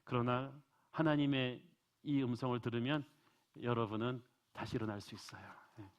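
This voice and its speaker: A man's voice: medium pitch, fairly even intonation, normal speed. Emphatic male pastor, revival sermon in church, lo-fi sound. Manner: earnest and emphatic, rising for stress.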